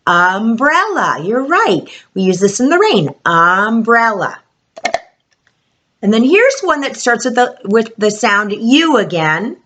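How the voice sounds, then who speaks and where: A woman's voice: a little high, very animated, slow pace, fairly bright tone. A woman teaching an alphabet lesson to young children in a broad singsong presenter's delivery, asking prompting questions and stretching out key words.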